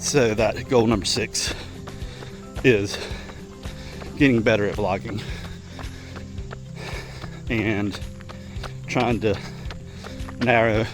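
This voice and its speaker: A middle-aged man chatting casually and ramblingly to his vlog while running, in short broken phrases with pauses. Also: fairly low pitch, fairly even intonation, music in the background. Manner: talking while running, slightly effortful. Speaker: vlogger. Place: outdoors, on the move.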